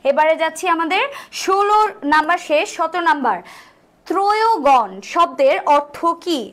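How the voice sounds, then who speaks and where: A woman tutor leading a live online exam-prep class, repeating each question and answer several times and slowly sounding out letters to demonstrate. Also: extremely high pitch, animated, a bit bright. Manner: urges viewers to answer quickly. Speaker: admission test tutor.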